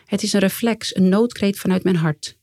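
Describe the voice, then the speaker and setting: A woman reading her own memoir aloud in a calm, measured way, quietly voicing the lines of the people in it. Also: mid-range voice, dry recording, clean studio sound. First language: Dutch. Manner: calm, measured storytelling with quiet quoted dialogue. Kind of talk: first-person memoir reading.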